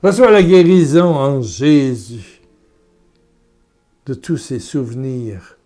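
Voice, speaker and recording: Soft music plays behind this slow, medium-pitched sermon and guided prayer from a man with a Québécois French accent. He repeats himself earnestly, rising to loud exhortation and then dropping to quiet murmurs.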